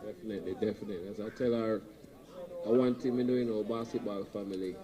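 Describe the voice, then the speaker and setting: A man's voice: lowish voice, steady tone, quick pace, crowd noise. Jamaican man emceeing a wake. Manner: repeats words in threes, mixes in patois. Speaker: master of ceremonies at a wake. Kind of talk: casual ceremony hosting. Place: outdoor wake gathering.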